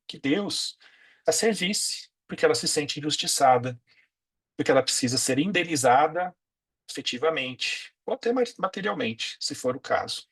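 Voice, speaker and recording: Husky man giving a spiritual lecture. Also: on the high side. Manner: reflective, asks rhetorical questions, frequent tag questions.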